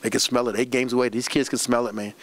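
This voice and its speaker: A middle-aged man, a head basketball coach, answering questions after a game at a press room desk microphone, animated and repeating words as he talks. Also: medium pitch. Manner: animated, repeats words, fast run-on talk. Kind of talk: post-game press conference. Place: press room in front of a backdrop. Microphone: desk microphone on a stand.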